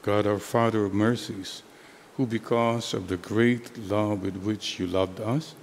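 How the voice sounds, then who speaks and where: Older priest, slow and low-voiced. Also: male voice, fairly even intonation, creaky, slight background noise. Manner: measured, short phrases with pauses. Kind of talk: solemn liturgical prayer. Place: indoor chapel altar. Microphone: gooseneck altar microphone.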